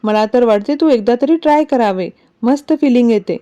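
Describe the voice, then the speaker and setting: A woman's voice: a little high, normal speed, warm tone, natural voice. A woman voicing a friendly young man urging his sister-in-law to try something new. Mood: encouraging. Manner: encouraging, friendly. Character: cheerful young brother-in-law. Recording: dull lo-fi recording.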